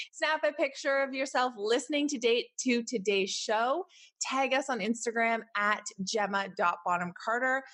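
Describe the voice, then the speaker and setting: A woman's voice: a little high, fairly bright tone. A woman in her thirties with a Canadian accent, hosting a solo podcast in a chatty, encouraging way with many fillers. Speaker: podcast host.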